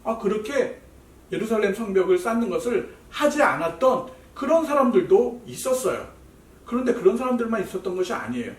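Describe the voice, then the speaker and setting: A man preaching a children's Sunday school sermon, animated and asking the children questions. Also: high voice, a little fast. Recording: roomy echo, voice heard from a distance.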